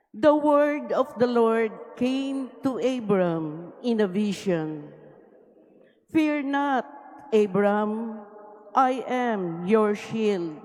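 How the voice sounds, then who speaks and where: A woman reads scripture as a lector at Mass, solemn and deliberate. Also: fairly high pitch, darkish tone. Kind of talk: scripture reading. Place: large reverberant cathedral. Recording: long cathedral reverb.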